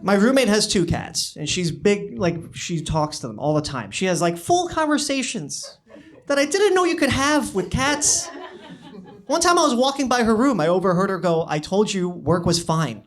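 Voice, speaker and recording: A young man working a stand-up set in a small comedy club, holding a handheld mic. His delivery is dry and understated, full of halting little restarts. His pitch swings widely and sits a touch high for a man. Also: animated. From born in China, raised in the US. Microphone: handheld stage microphone.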